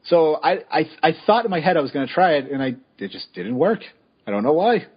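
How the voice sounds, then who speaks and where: A man's voice: a little high, expressive, breathy edge. A man co-hosting a podcast in casual, joking chat. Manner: chatty, joking, quick to laugh. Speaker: podcast co-host. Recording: dull lo-fi podcast audio.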